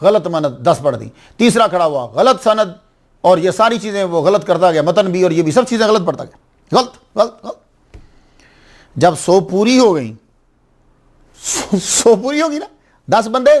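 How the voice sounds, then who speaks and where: Impassioned high-voiced male preacher. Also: a little mellow. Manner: impassioned, rising to high exclaims, addresses audience with questions. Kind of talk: Urdu religious sermon.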